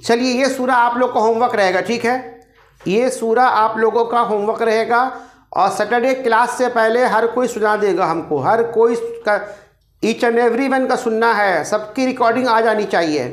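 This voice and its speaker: A woman's somewhat high voice leads an online recitation lesson, drawing each word out slowly and repeating it so students can follow. The patient, teacherly delivery rings in an echoey room. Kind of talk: online tajweed class, drilling recitation.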